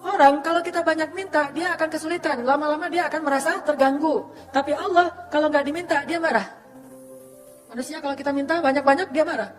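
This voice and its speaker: Woman, high voice, fast delivery, lively sermon retelling, faint music behind. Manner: lively storytelling with acted quotes. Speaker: religious speaker.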